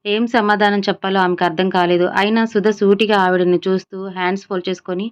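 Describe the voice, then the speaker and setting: A woman narrates a serialized romance story in a steady, even voice. Her tone stays smooth and clear, with little rise or fall. The audio is a bit dull and muffled. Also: mid-range voice, fast.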